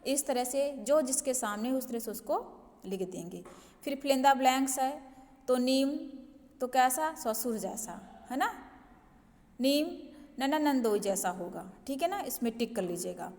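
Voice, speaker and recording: A woman's voice: high-pitched, animated, a little slow, a little mellow, long reverb tail. A woman schoolteacher explaining a lesson to her pupils, checking in often and mixing English words into her talk. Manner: repeats "ठीक है ना" as a check-in with pupils; mixes English words into Hindi teaching. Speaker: school Hindi teacher. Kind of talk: online class lesson explanation.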